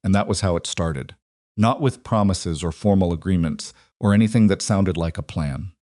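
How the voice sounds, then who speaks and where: Deep-voiced man narrating a story. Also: dry recording, clean studio sound. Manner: measured, even storytelling. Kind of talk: scripted audiobook narration.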